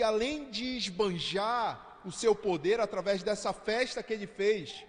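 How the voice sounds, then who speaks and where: A man's voice: high-pitched, big-room sound. A man with a Brazilian Portuguese accent, preaching a sermon as pastor in a conversational way, speaking straight to his listeners.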